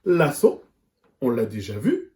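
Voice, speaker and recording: A primary school teacher giving a recorded reading lesson to young children, speaking slowly and deliberately, repeating each word. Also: medium pitch, big pitch swings, mellow, slightly rough. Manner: slow, deliberate, repeats and stretches words.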